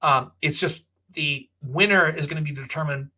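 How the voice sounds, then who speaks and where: A man's voice: a little high, normal speed, sharp tone. An American man hosting a casual question-and-answer talk, giving opinionated, off-the-cuff explanations and checking in with the listener as he goes. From Texas, United States. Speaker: host answering viewer questions on finance.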